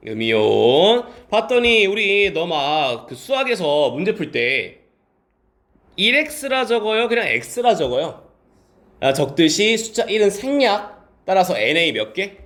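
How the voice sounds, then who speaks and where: A male teacher lectures a class, quizzing students by name and answering his own questions as he goes. His voice sits high and moves up and down a lot. He mixes polite speech with casual talk. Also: big pitch swings, slow, a bit bright. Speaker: science teacher.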